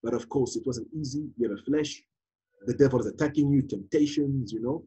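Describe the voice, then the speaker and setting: A man's voice: medium pitch, a little fast, breathy edge, muffled recording. A man raised in South Africa, speaking as a prophet in a casual conversation, full of exclamations, fillers and restarts. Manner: animated, exclaims often, many fillers and restarts. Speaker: prophet guest.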